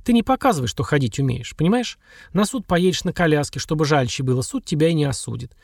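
A male reader putting on a blunt young nurse who grew up on the streets. Her voice sits higher than his own and swings lively through each line, with a gravelly edge. She talks in coarse slang and laughs things off dryly. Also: fast talker, no echo, clean studio sound. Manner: coarse slangy speech, wry chuckles. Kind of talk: audiobook dialogue.

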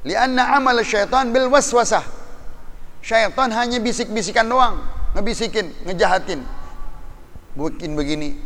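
Animated high-voiced male preacher. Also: big-room sound. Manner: animated, colloquial storytelling with Arabic quotations. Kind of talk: sermon.

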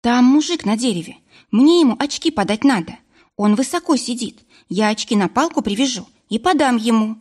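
A woman's voice: a little high, sing-song, normal speed, darkish tone, breathy edge, voice pushed up. A woman voicing an anxious, impulsive young woman lost in a winter forest, pleading and emotional, in an audiobook.

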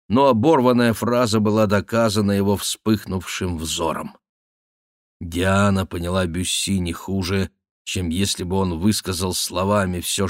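A man narrating a classic novel as an audiobook, in a measured, even reading. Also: deep voice, no room sound, clean studio sound. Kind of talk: scripted literary narration.

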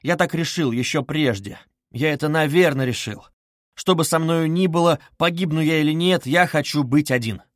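A man's voice: on the high side, no room sound, studio quality, voice pushed up, close to an everyday voice. A man reading as a brooding, troubled young man. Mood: grim resolve. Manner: muted, halting, grim.

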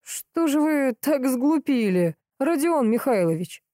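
Narrator playing a brisk, mocking colonel, businesslike, dry close read. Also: female voice, medium pitch, animated, warm tone, dry recording, voice pushed up, lightly acted. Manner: ironic and businesslike. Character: dry, mocking middle-aged police colonel.

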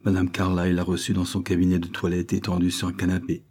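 Low husky guy reading an old novel, dark mellow tone. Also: completely flat delivery, fast talker. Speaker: audiobook narrator. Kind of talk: scripted narration.

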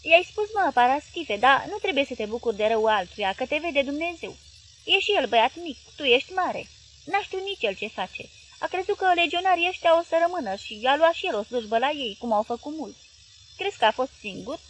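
A woman's voice: sits high, animated, a bit bright, pitched above the performer's own voice. A woman reading aloud, voicing a sweet-voiced wife who coaxes and pleads with her husband. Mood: coaxing, pleading.

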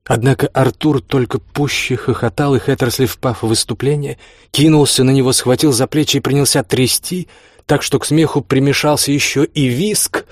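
A man's voice: medium pitch, steady tone, normal speed, dry recording. Man reading a novel aloud, dry sound. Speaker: audiobook reader. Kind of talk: scripted narration.

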